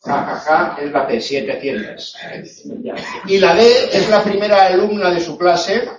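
With a high-sitting voice, lively intonation and an unhurried, measured delivery, this Spanish teacher runs a live online grammar class. His explanations carry playful asides and frequent "eh?" and "no?" check-ins. The audio is distant and echoey with a dull room tone.

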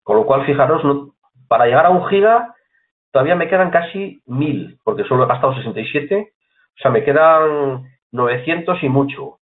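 A man's voice: medium pitch, lively intonation, moderate pace. Chatty man teaching, tinny lo-fi sound. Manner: chatty, repeats points, asks "¿vale?" often. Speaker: computer course teacher. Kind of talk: screen-recorded software tutorial. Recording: tinny phone-like audio.

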